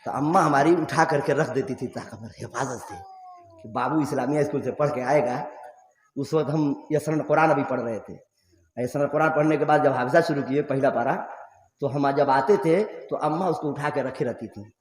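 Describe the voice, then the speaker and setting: A man's voice: medium pitch, normal speed. A man with a Bhojpuri-influenced Hindi accent preaching an emotional sermon at a mosque gathering, telling stories and asking the crowd questions. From eastern Uttar Pradesh, India. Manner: emotional storytelling, asks the audience questions. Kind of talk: religious sermon at a public gathering. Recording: reverberant hall through a PA.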